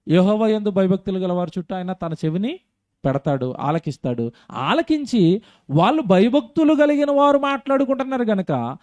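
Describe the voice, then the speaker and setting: A man's voice: sits high, very animated, normal speed, darkish tone, no room sound. A man preaching a sermon in a conversational way, often asking his congregation questions and acting out quoted voices. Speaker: pastor.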